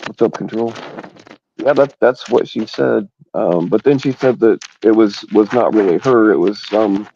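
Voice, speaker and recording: Man, livestream host, gravelly voice, casual rambling chat, crude jokes, faint background noise. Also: fairly low pitch, moderate pace, dark tone, dull audio.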